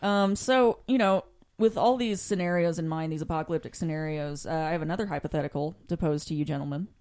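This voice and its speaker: Host, mid-range voice, rambling, filler-heavy, animated. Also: medium pitch, quick pace. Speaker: podcast host. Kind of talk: casual chat.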